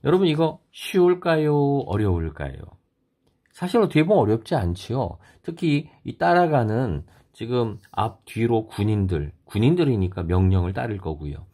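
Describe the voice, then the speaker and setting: A middle-aged man preaching a sermon, his voice swinging widely up and down as he poses question after question to the congregation. The tone is mellow and a little husky. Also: medium pitch, normal speed. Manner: lively preaching with rhetorical questions. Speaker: pastor. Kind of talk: sermon on a Bible passage.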